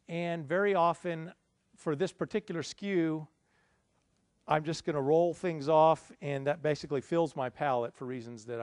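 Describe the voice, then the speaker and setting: A man's voice: a little high, dry recording. Middle-aged man presenting in a dry room. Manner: conversational, explaining, self-deprecating. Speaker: conference presenter. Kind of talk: lecture with audience Q&A. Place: indoor conference room, presenting at a projector screen.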